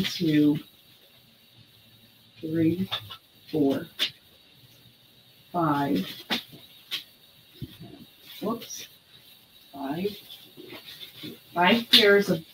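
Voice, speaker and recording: A middle-aged woman runs a casual live online sale at a slow, unhurried pace. She chats to buyers and counts half to herself. The room recording has clear background noise. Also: on the low side. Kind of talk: casual live selling chat. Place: indoor room with clothes racks.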